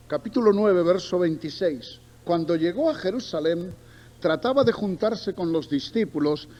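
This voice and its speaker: A mellow voice on the high side belongs to this middle-aged Barcelona man with a Spain accent, preaching a sermon that blends Bible reading with storytelling. Emphatic repetition and casual asides to his audience mark his delivery, and noticeable background noise runs through the recording.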